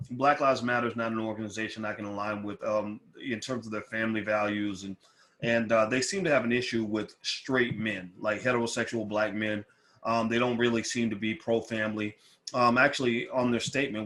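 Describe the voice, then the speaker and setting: A man's voice: mid-range voice, fairly bright tone, poor audio. A man hosting a casual live question-and-answer stream, blunt and opinionated with some swearing, his speech slightly impeded as if by something in his mouth. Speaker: livestream host. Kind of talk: casual livestream Q&A.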